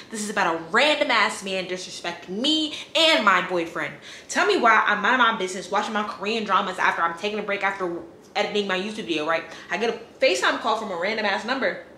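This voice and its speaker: Brief: twenties woman vlogging at home, bright, forceful, blunt and sweary, echoey room with faint hiss. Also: medium pitch. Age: 20s. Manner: blunt, swearing freely, ranting. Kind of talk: casual vlog talk to camera. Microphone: compact vlog camera mic.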